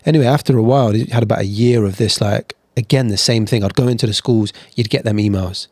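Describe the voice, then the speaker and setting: A man talks openly about his own past as a guest, casual and chatty, often restarting his sentences. His voice sits a little low. The sound is dry, with no room echo. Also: quick pace, a little mellow. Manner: candid, chatty, frequent restarts. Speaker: podcast guest. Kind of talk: casual interview storytelling.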